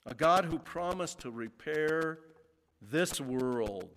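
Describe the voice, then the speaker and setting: A male pastor preaching a sermon in a church, speaking slowly with emphatic pauses. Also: on the high side, lively intonation, fairly bright tone. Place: church sanctuary. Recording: long reverb of a large sanctuary.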